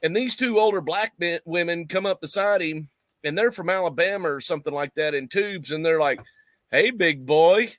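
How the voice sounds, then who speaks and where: A lively man with a fairly high voice spins a story in casual chat, laughing along and putting on little voices for the people in it. His mic is close and dry, with no room sound around him. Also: fairly quick, no room sound. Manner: animated storyteller, laughs often, mimics voices. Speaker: podcast co-host.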